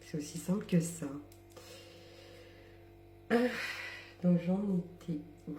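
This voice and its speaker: Speaking to camera in a casual monologue, a French social media creator from the metropole jokes slowly yet animatedly in a low, dark voice. Ironic and quick to laugh, she slips into whispered asides; the room echoes and faint music plays behind her.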